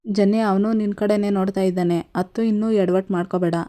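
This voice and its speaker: Woman as stern, caring young female friend, flat delivery. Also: medium pitch, brisk, lightly acted. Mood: scolding. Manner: scolding, then consoling.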